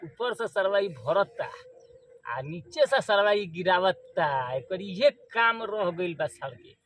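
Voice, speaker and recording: A man's voice: high voice, animated, takes it slowly, a bit bright, slight background noise, full character voice. A man playing a mocking, cursing village buddy in a comedy skit, with a jeering, complaining Bhojpuri delivery.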